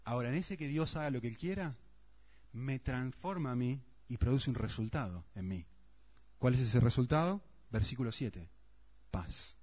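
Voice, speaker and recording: A man's voice: mid-range voice, lively intonation, normal speed, darkish tone. A man preaching a sermon earnestly, often asking the congregation rhetorical questions. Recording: dull, muffled sound.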